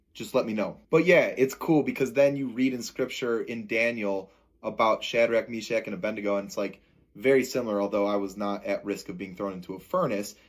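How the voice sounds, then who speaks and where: A young man casually telling a personal faith testimony as a vlogger, earnest and animated, with everyday slang. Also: fairly low pitch.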